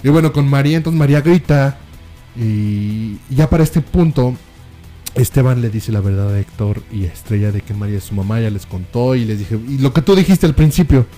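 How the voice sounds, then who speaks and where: A man's voice: medium pitch, animated, mellow, soft background music. A man with a Mexican accent, chatting casually and profanely as he recaps a soap opera, sometimes mimicking the characters. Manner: slangy, profane, acts out characters in quick put-on voices. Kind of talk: casual chat recapping a telenovela.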